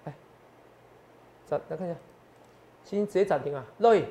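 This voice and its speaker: A man's voice: a little high, moderate pace, dark tone. A man, working as a stock market analyst and giving boastful finance talk show commentary full of rhetorical questions.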